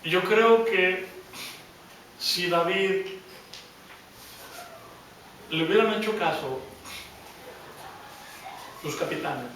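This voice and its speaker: A man's voice: high voice, drawn-out words, pauses often, a bit bright, distant mic, a little hiss or hum. A male pastor preaching a sermon, retelling a story with emphasis and often repeating or restarting words. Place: church hall. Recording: echoey hall, preacher away from mic.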